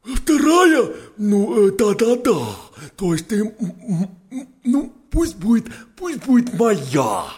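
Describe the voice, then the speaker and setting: A man's voice: high voice, very animated, takes it slowly, a little mellow, voice pushed up, full character voice. A man voicing a greedy male wolf in a storybook tale, mumbling and stammering. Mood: muttering. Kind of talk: storybook narration.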